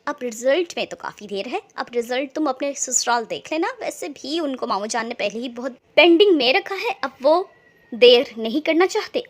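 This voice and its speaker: A woman voicing a gentle young mother, an older sister who speaks in a soothing, affectionate way. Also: high-pitched, lively intonation, moderate pace. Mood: fond.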